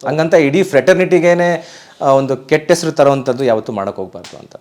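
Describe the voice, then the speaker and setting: A man's voice: on the high side, fast talker, a little mellow. A man from Karnataka, a professional DJ, talking earnestly and emphatically in a casual interview, often urging listeners. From Karnataka, India. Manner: earnest, emphatic, repeats pleas.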